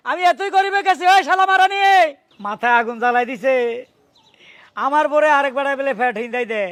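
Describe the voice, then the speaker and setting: A man's voice: a bit bright, dry recording. A man playing a jealous, hot-tempered village husband in a comic skit, ranting and cursing. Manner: ranting, cursing, squeaky sped-up voice.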